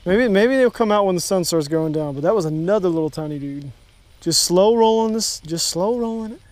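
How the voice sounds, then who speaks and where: A young man from Texas in a kayak on an open lake, talking excitedly to viewers as he fishes, recorded on a head-mounted action camera. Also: high-pitched, a little fast. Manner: excitable, talks to viewers while fishing. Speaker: fishing vlogger. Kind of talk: casual first-person fishing commentary.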